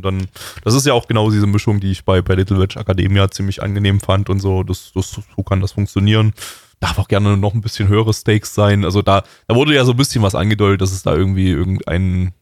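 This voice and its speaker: A man's voice: low voice, brisk, darkish tone, no room sound, studio quality. A man co-hosting a podcast in casual chat, rambling with many fillers and restarts. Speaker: podcast co-host.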